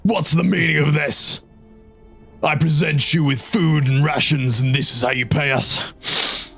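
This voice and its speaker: A man's voice: on the high side, fairly even intonation, unhurried, a bit bright, pitched above the performer's own voice. Man doing a pompous, stern military commissar. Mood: indignant. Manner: pompous, commanding. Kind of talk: tabletop role-play acting. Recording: music under the voice.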